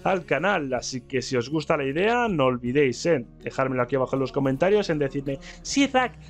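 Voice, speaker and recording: A man with a Spain Spanish accent giving excitable let's-play commentary, reacting loudly and laughing at the game. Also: mid-range voice, brisk, soft background music. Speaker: gaming YouTuber.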